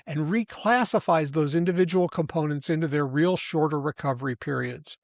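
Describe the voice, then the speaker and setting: A man's voice: a little high, no echo, studio quality. Emphatic man hosting a podcast. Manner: emphatic, deliberate, slows down to stress key points. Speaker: podcast host. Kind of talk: scripted podcast explainer.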